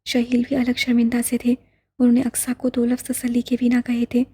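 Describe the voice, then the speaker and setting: A woman reading a novel aloud in calm, even scripted narration. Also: a little high, a little fast, slightly rough. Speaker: audiobook narrator.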